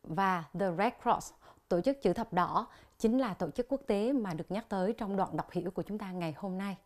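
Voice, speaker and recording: A woman from Vietnam teaching an English lesson on television, speaking with a Vietnamese accent and slowly drilling the pronunciation of English words. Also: medium pitch, a little mellow, faint music behind.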